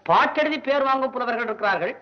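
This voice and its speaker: A man playing a poor, fretful temple poet in a 1960s Tamil film, whiny and sarcastic, complaining and talking to himself. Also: animated. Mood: bickering. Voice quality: whiny, high and quick-tempered. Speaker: comic lead in a devotional film. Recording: dull old film soundtrack.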